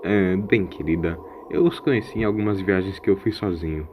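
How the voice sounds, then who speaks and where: A man's voice: deep voice, a little fast, highs cut off, lightly acted. A man voicing an elderly, self-assured, evasive grandfather who hems and murmurs, in an audio drama. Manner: hemming, murmurs "hum" between phrases.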